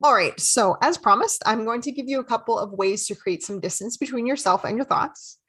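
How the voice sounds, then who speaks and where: A young adult woman, a therapist hosting a podcast, talking casually and with self-deprecating humor, then guiding a slow, gentle meditation. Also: a little high, slightly rough, soft background music. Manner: friendly and self-deprecating, laughs lightly.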